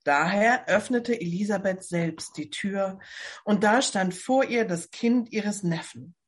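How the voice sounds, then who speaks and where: Slow, breathy woman reading a story. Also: medium pitch. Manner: calm storytelling. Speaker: lay reader. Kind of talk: reading a Bible novel aloud. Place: at home.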